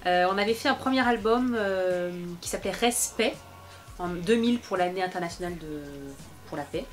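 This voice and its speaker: A woman's voice: mid-range voice, moderate pace, soft background music. A woman in a TV studio interview, talking through her career in a chatty, self-mocking way with frequent hesitations. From Bobigny, France. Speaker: interviewee, singer and actress. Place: local TV studio.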